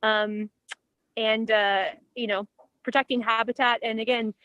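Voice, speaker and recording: A woman's voice: on the high side, little pitch movement, unhurried, pushed and bright, smooth, no echo, dull audio. Woman coordinator explaining her work. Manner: friendly, informative. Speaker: nonprofit coordinator. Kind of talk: casual explanation.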